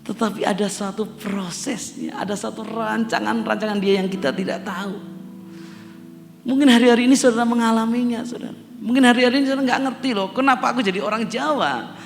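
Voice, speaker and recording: In a church hall with long reverb, a middle-aged pastor from Java, Indonesia, delivers a sermon, addressing the congregation repeatedly and building to emphatic peaks. His creaky voice sits high, with fairly even intonation and a fairly quick pace. Faint music and a faint instrument can be heard behind him.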